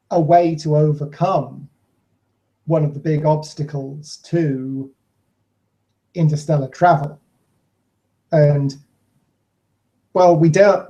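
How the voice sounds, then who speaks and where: A man co-hosting a writing podcast in casual chat. His voice is mellow and a little higher than most men's. He muses aloud and pokes fun at himself. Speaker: podcast co-host.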